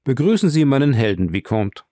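A man's voice: medium pitch, very animated, fairly quick, dark tone, no echo, clean studio sound, lightly acted. A man doing an effusive young nobleman. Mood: emphatic. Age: 30s. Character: elegant noble around thirty, emphatic, effusive.

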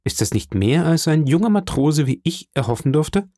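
A man reading an audiobook, voicing an earnest young sailor who talks excitedly to his father. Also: on the high side, normal speed, no echo, studio quality, pitched above the performer's own voice. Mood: eager. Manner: excited, pleading, raised voice. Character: eager young male sailor, earnest and devoted. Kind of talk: audiobook character voice.

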